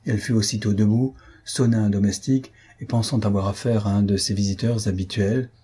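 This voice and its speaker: Male audiobook narrator, low voice, mellow and dark, crystal clear, measured reading. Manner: measured, even literary reading. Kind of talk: scripted narration.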